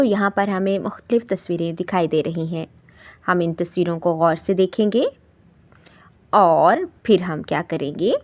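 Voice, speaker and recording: Slow-paced woman teaching young children. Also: lowish voice. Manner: slow, drawn-out sounding of letters and words. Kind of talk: children's lesson narration.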